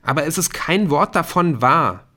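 A man's voice: a little high, animated, moderate pace, sharp tone, pitched above the performer's own voice. Man voicing a teenage boy, defensive, insistent, raised voice, audiobook. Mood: desperate denial. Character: pale, desperate teenage boy denying accusation. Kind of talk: audiobook character voice.

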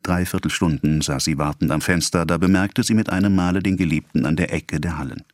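A man reading a novel aloud as audiobook narration, in a measured, expressive way. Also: sits low, no echo, clean studio sound.

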